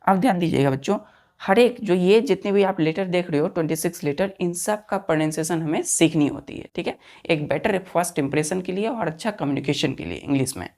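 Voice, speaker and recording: Male English teacher, gravelly tone, patient classroom explainer who keeps checking the class understands. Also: high voice, expressive, brisk, darkish tone. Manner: repeats words and quizzes the class often. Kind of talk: classroom lesson in spoken Hindi.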